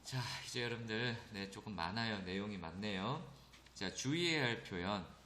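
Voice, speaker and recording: A man teaching an English grammar lecture, often checking in with his students and reading the English examples slowly. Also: lowish voice, lively intonation, sharp tone. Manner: addresses students often, frequent "그죠?" check-ins. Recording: echoey room with faint noise.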